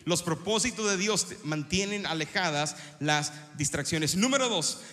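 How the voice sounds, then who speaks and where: A middle-aged man with a Mexican accent preaches to his congregation, telling stories and calling out questions. His voice sits high and sounds bright and forceful. A long reverb trails after him, as in a large hall. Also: moderate pace. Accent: Mexican Spanish. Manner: storytelling, lively and engaging the congregation. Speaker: pastor. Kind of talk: sermon.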